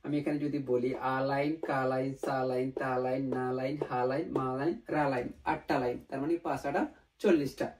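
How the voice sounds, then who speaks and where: A man's voice: medium pitch, steady tone, a little fast, darkish tone, far from the mic, poor audio. A man teaching a language class, going through syllables one at a time and repeating warnings to be careful. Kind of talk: lesson.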